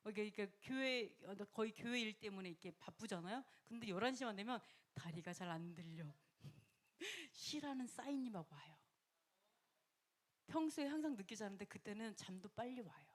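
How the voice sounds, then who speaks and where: Animated woman preaching a sermon. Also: mid-range voice, normal speed. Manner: animated, acts out quoted voices with laughter. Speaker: pastor.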